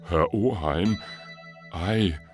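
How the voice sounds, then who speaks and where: A man voicing an excitable, greedy male bear in an audiobook fable, pleading and crying out eagerly. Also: very slow, soft background music. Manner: eager, pleading, rising to high excited cries. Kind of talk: audiobook reading of a verse fable.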